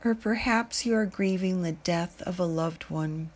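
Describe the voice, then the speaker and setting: Slow, soothing woman guiding a meditation. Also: on the low side. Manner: slow, soothing, calm delivery with long pauses. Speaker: meditation guide. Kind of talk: guided meditation narration.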